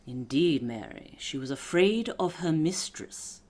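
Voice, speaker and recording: A shrewd aristocratic lady detective played by an actress in a period radio mystery, with a low female voice. She explains in a measured, authoritative way, fully composed and deliberate. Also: expressive, darkish tone. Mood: knowing.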